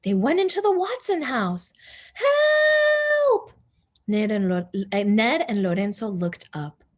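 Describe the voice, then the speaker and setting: A woman teacher reads a children's storybook aloud with expressive narration. Her voice is medium-pitched and her pace moderate.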